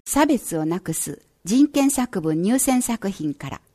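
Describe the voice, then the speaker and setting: A woman radio announcer reading a prize-winning children's essay aloud in a slow, measured, gentle way. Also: medium pitch, very animated.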